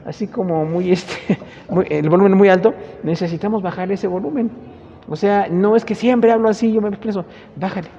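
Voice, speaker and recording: Mexican Spanish man, Bible class lecture, high voice, mellow dark tone, long reverb, dull lo-fi sound. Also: steady tone, moderate pace, vocal fry, slight background noise. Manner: conversational, frequent rhetorical tag questions. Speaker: Bible teacher. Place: church hall.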